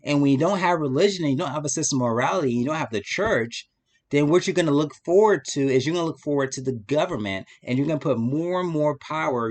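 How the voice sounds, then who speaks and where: A man hosting a live stream with casual, opinionated commentary, preaching his views, repeating phrases for emphasis and often checking in with the listener. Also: medium pitch.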